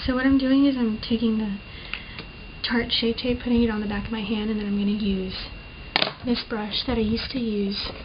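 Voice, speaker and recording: Doing her makeup at home, a beauty vlogger keeps up a rambling, self-mocking chat packed with fillers. She talks at normal speed with fairly even intonation, in a slightly high voice carrying a light lisp. The built-in camera microphone sounds muffled and dull, with a distinct layer of hiss.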